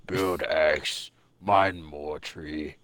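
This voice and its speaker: A man's voice: rumbling low, fairly even intonation, very slow, a bit bright, exaggerated voice. A man voicing a blunt male caveman who speaks in clipped broken phrases. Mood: deadpan.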